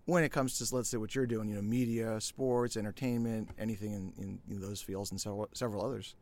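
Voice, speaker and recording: A middle-aged man from the United States, a podcast guest who tells his story in a relaxed, self-deprecating way. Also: on the low side, quick pace. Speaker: podcast guest, sumo federation founder. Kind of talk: casual interview talk.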